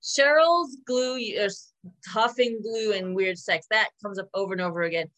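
A woman co-hosting a podcast runs quickly through a list in casual conversation, filling gaps with fillers. Her voice is mid-range and fairly bright.

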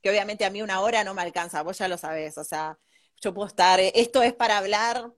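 A woman's voice: medium pitch, quick pace. Chatty Argentine woman guest. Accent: Argentine Spanish. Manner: chatty, rambling, laughs often. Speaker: guest architect. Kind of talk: casual interview chat.

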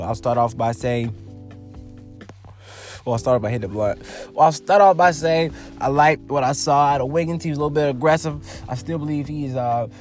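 A man's voice: mid-range voice, a little mellow. Loose-talking man hosting a sports podcast. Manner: loose and profane, rambling with fillers and restarts. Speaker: podcast host. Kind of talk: casual sports talk.

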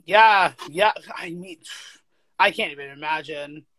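A woman's voice: low-pitched, measured pace, a bit bright, no echo. A young woman from Scarborough, Canada, talking as a guest in a casual interview over a call from a small closet, laughing often and acting out the voices of people she quotes. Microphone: phone or call audio.

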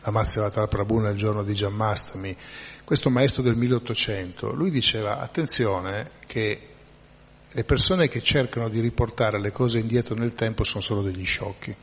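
Low-voiced man lecturing in a reverberant room. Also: normal speed, slightly rough. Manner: conversational, frequent tag questions and restarts. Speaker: teacher of a devotional class. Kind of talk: spiritual lecture.

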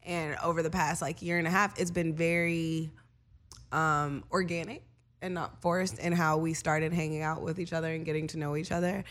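A woman's voice: low voice, flat delivery, moderate pace, a bit bright. A woman guest on a podcast, telling a candid personal story in casual chat, full of "like" and the odd curse word. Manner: candid storytelling, lots of filler "like", casual profanity.

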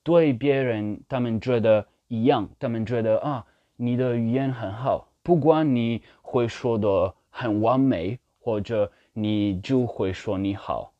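A man speaking non-native Mandarin with a foreign accent, talking casually and haltingly as he searches for words and repeats phrases for emphasis. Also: mid-range voice, no room sound. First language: not Mandarin. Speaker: language learner sharing his experience. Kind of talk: casual monologue in a learned language. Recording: dull, slightly lo-fi sound.

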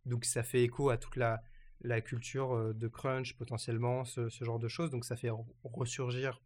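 A man talks through the week's news in a relaxed, unscripted way. He hesitates often and circles back to restart his sentences. His pitch sits in the middle range. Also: normal speed. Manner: hesitant, many fillers and restarts. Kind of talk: casual news chat.

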